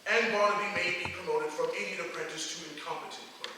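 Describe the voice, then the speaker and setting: Teen boy doing a bossy old merchant, shouts a lot, highish voice, noisy echoey hall. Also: fairly even intonation, fast, far from the mic, close to an everyday voice. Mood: gruff. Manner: blustering, bossy, shouts in bursts. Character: gruff pompous old male merchant, miserly. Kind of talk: school stage play. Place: large auditorium stage. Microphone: far camera in the audience.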